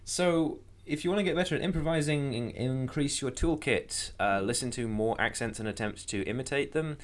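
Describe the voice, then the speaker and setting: A man's voice: mid-range voice, moderate pace. A young man co-hosting a casual podcast chat, rambling with many fillers and restarts. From Ireland. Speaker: podcast co-host.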